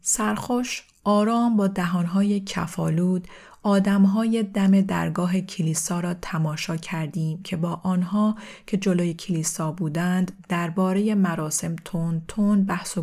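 A woman reads a first-person story aloud in a calm, even way, her voice sitting a little low. She lets dry asides slip in without changing her steady reading pace. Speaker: audiobook narrator.

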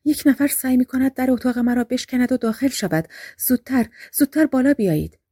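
A woman's voice: high-pitched, animated, mellow, breathy edge, no room sound, studio quality, pitched above the performer's own voice, exaggerated voice. A woman voicing a frightened young woman trapped in her room, whispering her tense thoughts and crying out for help. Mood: desperate. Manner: tense whispered inner thoughts, then desperate cries for help.

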